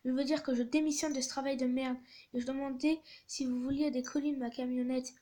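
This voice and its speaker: A woman's voice: high-pitched, level tone, a little fast, mellow, close to an everyday voice. A woman reading as a scheming delivery driver. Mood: persuasive.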